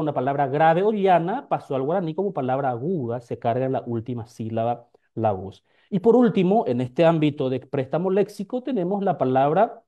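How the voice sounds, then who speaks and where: A man from Paraguay gives a careful academic conference presentation, walking through his examples step by step. His voice is dark and mellow, with occasional hesitant "eh" pauses. The sound is dull and lo-fi, like a live stream. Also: a little high. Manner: careful, explanatory, walks through examples one by one. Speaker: linguistics researcher presenting a paper.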